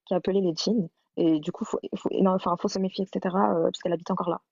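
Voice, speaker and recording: A woman talks quickly and at a somewhat low pitch as she hosts a live stream and tells her own story. She rambles, backtracks and repeats her words as she goes. The sound is dry, dull and lo-fi. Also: fairly even intonation, creaky, a little mellow, no room sound.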